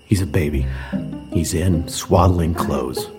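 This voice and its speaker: A blunt, stubborn shepherd. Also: male voice, a bass voice, slow, over music, full character voice. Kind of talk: comedic church skit.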